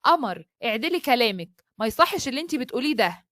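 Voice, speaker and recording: A woman voicing a sweet, playful young woman, speaking in a gentle, teasing way. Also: a little high, very animated, quick pace, no echo, clean studio sound.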